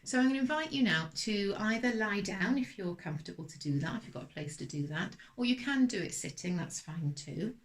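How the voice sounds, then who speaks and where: A woman teaching mindfulness, giving a gentle, unhurried guided meditation talk with soft fillers. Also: medium pitch, expressive.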